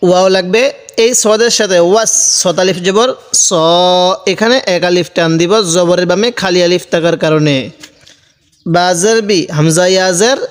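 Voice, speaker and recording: High, smooth-voiced man teaching recitation. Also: big-room sound. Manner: slow, repetitive, patient step-by-step drilling. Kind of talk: spelling-out recitation lesson.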